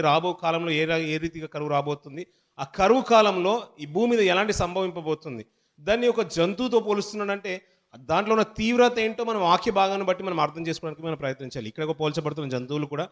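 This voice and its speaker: Man, pastor, sermon, slow loud scripture reading, conversational preaching, restarts words. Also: high-pitched. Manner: reads scripture slowly and loudly, then preaches conversationally; addresses listeners as children, restarts words.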